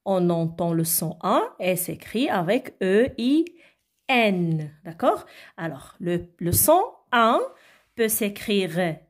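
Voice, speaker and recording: A woman teaching a phonics lesson to young schoolchildren, patiently spelling out letters and checking in with them often. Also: mid-range voice. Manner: slow, patient, repeats "d'accord?" and sounds letters out. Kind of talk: recorded phonics lesson for children.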